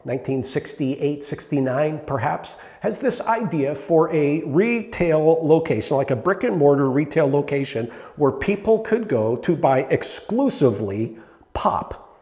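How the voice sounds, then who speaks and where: A middle-aged man preaches in a conversational style, tossing questions to his listeners and pausing on fillers. His voice sits a little high yet sounds mellow and warm. The room carries a long, echoing reverb. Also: animated. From Canada. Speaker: pastor. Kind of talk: sermon. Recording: echoey hall with long reverb.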